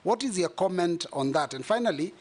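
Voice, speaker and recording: A man with a Kenyan accent questioning a nominee in a parliamentary hearing, halting, with many fillers and restarts. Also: high voice, lively intonation, a little mellow. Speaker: member of parliament on a vetting panel.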